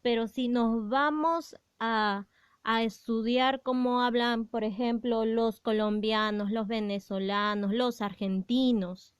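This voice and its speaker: A woman from Peru, teaching a school lesson in a slow, explanatory way that stresses key words. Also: a little high, fairly even intonation, smooth, no echo, studio quality. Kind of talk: classroom lesson.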